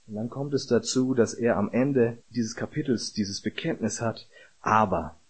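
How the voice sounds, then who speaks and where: A man's voice: mid-range voice, unhurried, husky. A man preaching a sermon in an earnest way, building to emphatic repeated calls.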